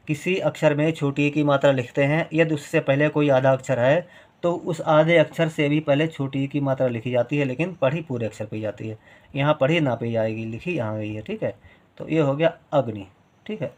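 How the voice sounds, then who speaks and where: A man teaching a spoken writing lesson, patiently repeating syllables and stretching sounds to show how long each is held. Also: medium pitch.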